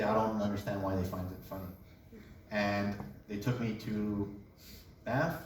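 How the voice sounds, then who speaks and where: A young man from Colombia tells his story as a casual testimony, relaxed and joking. His voice sits a little low and comes from some distance from the mic. The room around him rings with heavy echo, and a faint hum runs underneath. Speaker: speaker giving a testimony. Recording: echoey room, voice away from mic.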